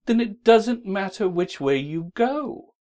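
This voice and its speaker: A woman voicing a grinning, sly male cat in a storybook reading, speaking slowly and loudly with a drawn-out, teasing delivery. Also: medium pitch, animated. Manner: slow, drawn-out and loud.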